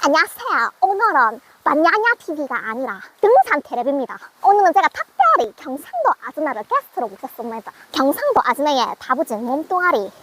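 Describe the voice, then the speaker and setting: A woman's voice: sits high, sing-song, brisk, hardly any pauses, a bit bright. A young woman vlogging on a mountain trail outdoors, narrating in a playful mock-TV announcer style. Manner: teasing, announcer-like delivery.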